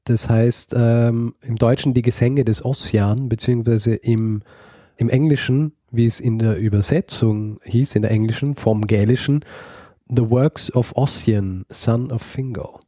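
A man's voice: medium pitch, fairly even intonation, a little slow, warm tone, dry recording, clean studio sound. A man co-hosting a history podcast, telling a story in a casual, hesitant way with frequent fillers and easy laughter. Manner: hesitant, many fillers and restarts, laughs easily. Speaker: podcast co-host.

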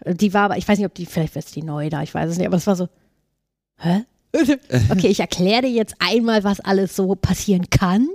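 A woman co-hosting a podcast, telling everyday anecdotes in a casual, animated way. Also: medium pitch, fast, hardly any pauses, no echo, studio quality. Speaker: podcast host. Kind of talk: casual chat.

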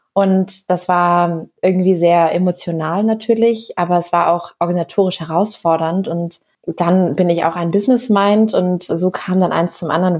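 A woman in her thirties with a fairly low voice chats as a podcast guest. She talks loosely and openly and stops now and then to find the right word. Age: 30s. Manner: relaxed, chatty, searching for words. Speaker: startup founder guest. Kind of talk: casual interview.

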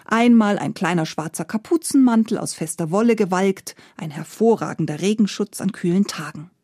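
A woman reading a fairy tale aloud as a calm, lively storyteller. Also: medium pitch, moderate pace, dry recording, studio quality.

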